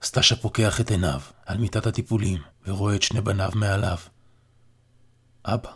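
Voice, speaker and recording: A man narrating an audiobook in the first person, in a calm, measured way. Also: fairly low pitch, breathy edge.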